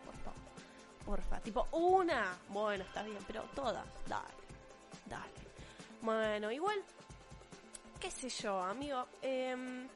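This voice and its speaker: A teenage girl with an Argentine accent and a high voice delivers a blunt, sarcastic rant straight to her viewers. She swears freely and mocks her critics. Faint music plays underneath. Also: expressive, a little slow, pauses often. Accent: Argentine Spanish. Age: teens. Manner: blunt, profane, sarcastic ranting. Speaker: vlogger. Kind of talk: opinion rant to camera.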